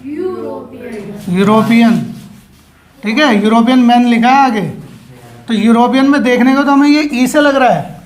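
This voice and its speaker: A woman's voice: fairly high pitch, steady tone. Woman teaching a class. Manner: asks questions and answers them herself; drawn out, slow words for emphasis. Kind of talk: classroom grammar lesson. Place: classroom with children.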